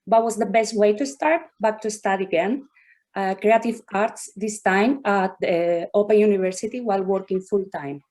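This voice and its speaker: Woman, thirties, Spanish accent, careful halting phrasing, video call, mid pitch. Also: a little mellow. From southern Spain. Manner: slow, careful, non-native phrasing with filler pauses. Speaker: contestant artist. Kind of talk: presenting her work on a video call.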